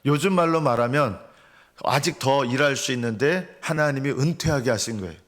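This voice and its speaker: A middle-aged male pastor gives an early-morning sermon in a voice of average pitch. He preaches earnestly and keeps asking the congregation questions before he answers them himself. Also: normal speed, a bit bright. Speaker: senior pastor.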